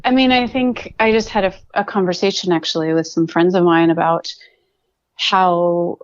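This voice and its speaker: A woman's voice: fairly low pitch, steady tone, normal speed, dry recording. A woman from California, a podcast guest, speaking reflectively and restarting her sentences. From California, USA. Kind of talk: casual conversational interview. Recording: dull, dry lo-fi sound.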